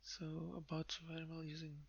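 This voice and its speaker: A man's voice: on the high side, completely flat delivery, a little fast, breathy edge. A man thinking aloud in a casual way as he codes live, muttering to himself with fillers and restarts. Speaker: live coding streamer. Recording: dull lo-fi mic with keyboard typing.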